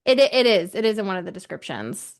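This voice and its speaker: A woman's voice: mid-range voice, sing-song, a little fast. A woman co-hosting a book podcast, talking in a playful, upbeat way and laughing at her own jokes. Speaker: podcast co-host. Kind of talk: casual book podcast chat.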